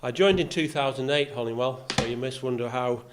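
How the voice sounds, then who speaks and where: With background noise behind him, a mid-range male voice goes a little fast as an older man from Yorkshire, England, speaks to an audience. He is the golf club's vice captain in the clubhouse function room, faintly accented, dry and self-deprecating, often saying "uh."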